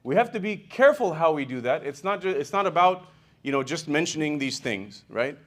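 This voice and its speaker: A man giving a sermon as an imam, retelling a hadith in an animated, conversational way with frequent "you know" and "right?". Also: a little high, a little fast. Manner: animated storyteller, swings in loudness.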